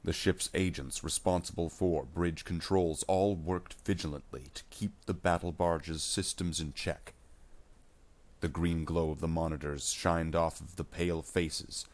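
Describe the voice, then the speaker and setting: A low-voiced man narrates a science fiction tale from a script, delivering it in a measured, dramatic storytelling style. His tone stays steady and he uses only his own voice, with no character voices.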